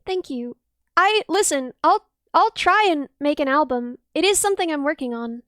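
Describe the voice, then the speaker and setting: A young woman who streams and makes music chats casually with her livestream viewers, her voice high, bright, dense and a little piercing. She's bubbly and gushing, shrieking with excitement as she thanks people. The sound is close and dry with no echo, and she talks at normal speed.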